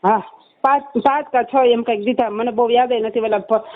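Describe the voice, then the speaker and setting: A woman's voice: a little high, steady tone, normal speed. Hesitant middle-aged woman caller on phone. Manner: hesitant, rambling, restarts often. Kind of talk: phone call complaint. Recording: tinny phone line.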